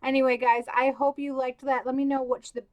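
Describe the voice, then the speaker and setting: A woman's voice: high-pitched, flat delivery, brisk, muffled recording. A young woman talking casually to camera about book covers, gushing, with lots of "like" and "um", with the hiccups. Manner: gushing, filler-heavy, with many "like" and "um". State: has the hiccups. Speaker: book vlogger.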